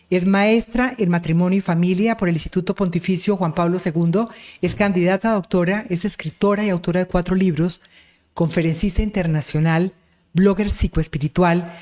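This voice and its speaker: A woman's voice: fairly low pitch, a little mellow. A woman hosting an online interview, effusive and full of praise, with religious turns of phrase. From Colombia. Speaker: interview host.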